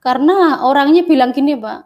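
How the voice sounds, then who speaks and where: A woman with a high voice gives a personal testimony in an interview. She speaks earnestly, repeats her phrases and keeps turning to the interviewer as she talks. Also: fairly quick, lo-fi sound. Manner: earnest, repetitive phrasing, often addresses the interviewer. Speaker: interview guest telling her life story.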